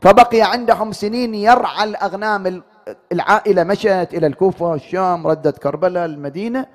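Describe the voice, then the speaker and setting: A man's voice: high-pitched, quick pace. A man, a mourning-ritual preacher, telling a religious story in a grieving, emotional, half-chanted recitation. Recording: echoey room.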